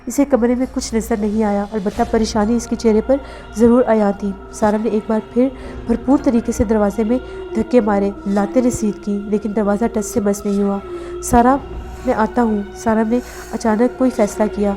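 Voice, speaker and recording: A woman narrating a horror novel in a steady, dramatic storytelling manner. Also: a little high. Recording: faint background music.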